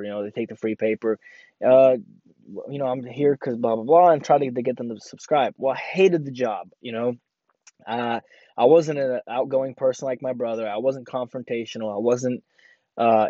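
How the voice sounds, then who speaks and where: A man's voice: mid-range voice, warm tone, no echo, lo-fi sound. A young man born in Ukraine, hosting a podcast and telling a personal story with many fillers and restarts. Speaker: podcast host.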